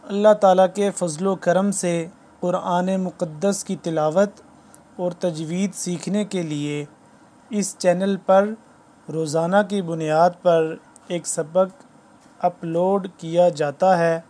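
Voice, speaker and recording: A man giving a spoken lesson on Quran letter reading, patiently explaining and slowly spelling out letter drills aloud. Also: sits high, fairly even intonation, dark tone. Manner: formal greeting to viewers.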